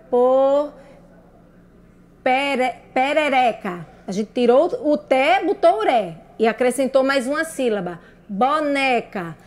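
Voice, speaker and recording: A woman teacher giving a children's lesson on syllables, sounding each one out and checking in with a rising "right?". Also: high-pitched. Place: broadcast lesson for radio and video.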